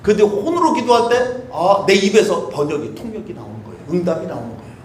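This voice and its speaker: Man, pastor, sermon, high voice, conversational, rhetorical questions, echoey church, faint hiss. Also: big pitch swings, quick pace. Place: church sanctuary.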